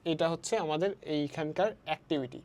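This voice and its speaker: A low-pitched, darkish voice belongs to a Bangladeshi woman giving an online English lesson at primary level. She code-switches between Bangla and English, slowing down for the example sentences.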